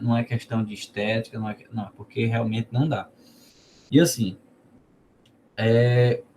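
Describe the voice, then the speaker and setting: A man with a Northeastern Brazilian accent leads an informal online class at an ordinary, mid-range pitch. He asks the students questions and repeats words while he explains. A faint background noise runs under his voice. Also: a little mellow. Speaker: teacher of a cordel literature course.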